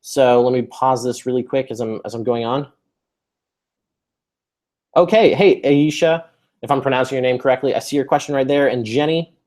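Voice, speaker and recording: A man's voice: mid-range voice, moderate pace, pauses often, a little mellow. A man hosting a live webinar over a video call, upbeat and chatty, with many fillers and restarts. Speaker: webinar host.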